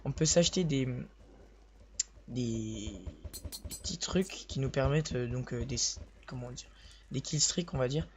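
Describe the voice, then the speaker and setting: A young man with a sore voice, speaking softly and hesitantly as he comments on his own gameplay, often restarting his sentences. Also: medium pitch, a little slow, long pauses. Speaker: gaming video host. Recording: slightly dull lo-fi recording with faint hiss.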